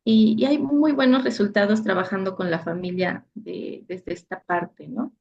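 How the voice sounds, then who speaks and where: A woman's voice: medium pitch, fairly even intonation, normal speed, creaky, a little mellow. A woman psychologist, explaining earnestly in an interview, with "eh" fillers and "¿no?" tags. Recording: dull lo-fi audio.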